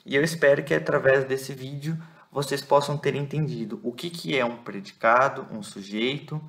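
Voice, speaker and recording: A man's voice: medium pitch, gravelly, fairly bright tone. Patient man teaching Greek. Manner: patient, repeats words slowly, frequent "tá?" checks. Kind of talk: explanatory lesson.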